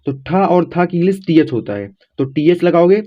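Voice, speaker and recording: A man's voice: on the high side, animated, brisk. A man teaching in a casual classroom way, spelling letters aloud step by step and checking in often with the viewers. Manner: addresses viewers as friends, informal. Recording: dull lo-fi recording.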